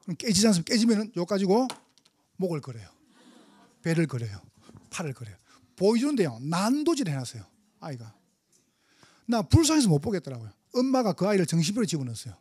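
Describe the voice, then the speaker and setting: A male pastor with a Gyeongsang accent delivers a testimony sermon, his high voice swinging widely as he jokes and exhorts. The tone is slightly husky and the sound is dry and close. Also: dry recording. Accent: Gyeongsang Korean. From Gyeongsang Province, Korea. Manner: animated, humorous preaching with rising exhortations; fast talker.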